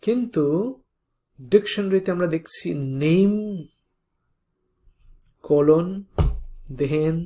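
In a coding tutorial lecture, a programming instructor with a mellow, mid-range voice teaches step by step. He spells out the code slowly and frequently checks in with the viewer.

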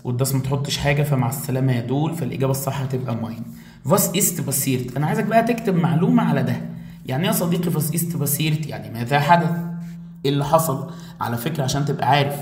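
A man with an Egyptian Arabic accent, teaching German in a jokey, lively exam review lecture. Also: mid-range voice, recorded from a distance. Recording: echoey room, voice a bit off-mic.

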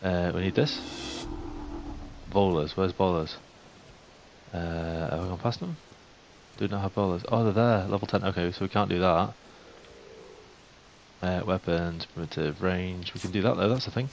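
A young man giving casual game commentary, chatting to the animals in the game and getting jumpy and excitable. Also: low-pitched, moderate pace, long pauses. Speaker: gaming YouTuber. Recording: faint hiss.

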